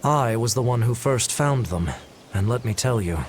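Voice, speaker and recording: A man's voice: medium pitch, expressive, moderate pace, slight background noise, natural voice. An actor playing an earnest townsman in a video game, speaking in a conversational storytelling manner. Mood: somber, matter-of-fact. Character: earnest male townsman recounting grim local news.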